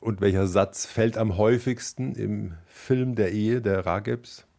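A man's voice: fairly low pitch, a little slow, vocal fry, a little mellow. A man hosting a radio interview, asking polished questions and reading scripted links from a studio.

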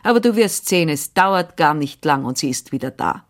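A woman's voice: sits low, animated, moderate pace. A woman doing a fussy old seamstress. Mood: coaxing. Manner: chattering, scolding then soothing. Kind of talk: audiobook reading.

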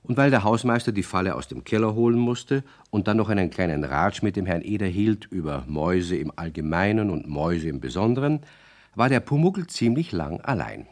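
Guy telling a kids story, lowish voice, goes up and down a lot. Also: fairly quick. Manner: lively, storytelling. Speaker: narrator. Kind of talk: scripted storybook narration.

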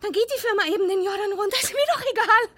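An actress playing an irritable woman muttering sarcastic rants to herself as she clears out a house. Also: very high-pitched, racing, fairly bright tone, a little hiss or hum. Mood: grumbling. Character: irritable woman sorting an inherited house, grumbling.

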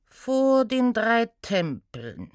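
A woman voicing a big, stern male centaur inspector who talks in a low, curt, gruff way. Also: big pitch swings, very slow, no echo, clean studio sound, heavily acted. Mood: gruff impatient.

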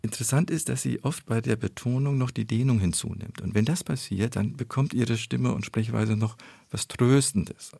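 A man explaining speech research in an interview, in a measured, analytical way. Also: medium pitch, gravelly, mellow, no echo.

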